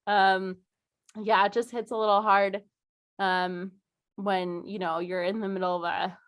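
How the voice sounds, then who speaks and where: A woman's voice: mid-range voice, flat delivery, measured pace. A young woman co-hosting a podcast, chatting casually and giggling through her words with lots of fillers. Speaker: podcast co-host. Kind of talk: casual chat.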